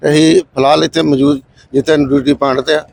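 A man's voice: on the high side, level tone, fast talker, creaky, darkish tone, dry recording. A man, a police officer on duty at a checkpoint, answering a reporter's questions respectfully and calling him sir. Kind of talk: on-the-spot interview answers.

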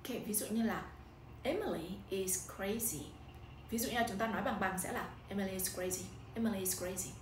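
A Vietnamese-accented woman tutor giving an instructional language-learning talk, animated and exaggerating intonation when demonstrating. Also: mid-range voice, fast, few pauses. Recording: echoey room, somewhat distant mic, faint noise.

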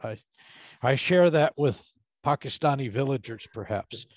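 A man's voice: mid-range voice, animated, a little slow, no room sound. A professor asking a question at an online talk, speaking hesitantly with many fillers while his voice breaks up over a bad connection. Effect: voice breaking up over a bad internet connection. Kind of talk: conversational question from the audience. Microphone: video call. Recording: dull, lo-fi, dry video call audio.

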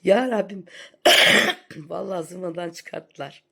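A woman's voice: fairly low pitch, slow pace, vocal fry, bright, forceful tone, breathy edge. A woman vlogger delivering a sarcastic, scolding rant in a commentary vlog.

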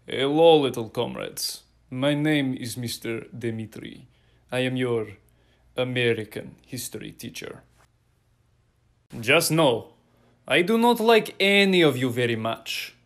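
A man switching impression voices, playing a blunt, deadpan male history teacher with a mock Russian accent in a comedy sketch. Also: medium pitch, a little slow. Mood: grumpy.

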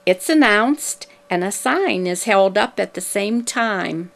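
A woman reading scripted narration for a promotional video in a measured, explanatory way. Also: mid-range voice, lively intonation, creaky, fairly bright tone.

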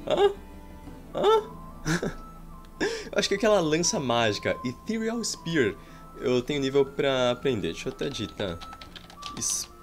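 This gameplay streamer, a Brazilian man in his thirties, talks in a mid-range voice with huge pitch swings, taking his time and leaving long pauses. Recording from a small home room with faint game music behind, he offers jokey commentary in a Brazilian Portuguese accent, sighing and exclaiming at on-screen events.

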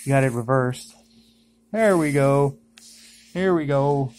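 Casual unboxing chatter, indoors, excitable, mid-pitched, faint background noise. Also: takes it slowly. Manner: chatty, excited exclamations at each pull. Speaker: card-opening vlogger. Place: indoors at home.

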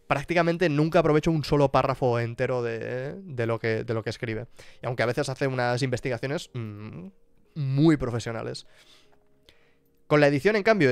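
A man talks casually to his stream, restarting phrases as he thinks aloud. His voice is smooth and mid-pitched, recorded dry and close. Faint music plays underneath. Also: no echo. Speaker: streamer and YouTuber. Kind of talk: casual live-stream chat.

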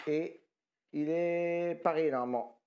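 Man, tired, casual haul commentary, rambling, slangy, dark mellow tone. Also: a little high, a little slow, lo-fi sound. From France. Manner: rambling, self-correcting, slangy. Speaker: retro game collector vlogger.

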